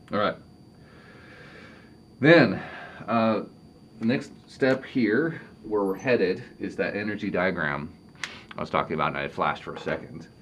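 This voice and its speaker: Low-voiced guy from canada walking through equations, lots of stops and restarts, faint hum behind. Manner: halting, thinks aloud while writing equations. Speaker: lecturer. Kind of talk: whiteboard technical lecture.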